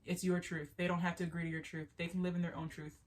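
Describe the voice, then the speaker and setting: A woman's voice: lowish voice, flat delivery, fast, slight background noise. A young woman with a stuffy nose giving a casual, earnest tarot reading, rambling with restarts and little laughs. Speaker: spiritual tarot reader. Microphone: solo video to camera.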